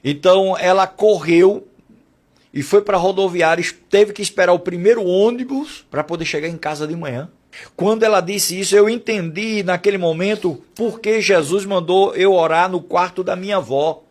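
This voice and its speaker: A man's voice: high voice, normal speed. A man telling a fervent religious testimony, quoting prayers and family members as he goes. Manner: fervent storytelling with quoted prayers. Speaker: testimony speaker.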